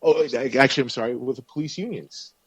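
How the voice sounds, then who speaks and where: A man's voice: medium pitch, quick pace, slightly rough, dry recording. A man hosting a casual podcast discussion, talking in a rambling way with many restarts. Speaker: podcast host. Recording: dull dry lo-fi audio.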